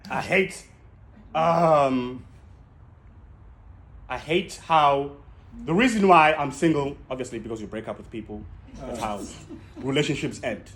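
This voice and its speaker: A man doing stand-up comedy at a convention stage, teasing the audience in an animated, jokey way. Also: mid-range voice, measured pace, long pauses. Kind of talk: stand-up comedy with crowd work. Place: convention stage with a laughing crowd. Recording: crowd noise, roomy hall.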